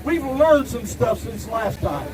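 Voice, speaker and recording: A middle-aged man from Ohio giving a defiant rally speech outdoors, shouting at times. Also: extremely high pitch, big pitch swings, takes it slowly. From Ohio, USA. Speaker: rally speaker. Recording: distant mic, crowd and street noise.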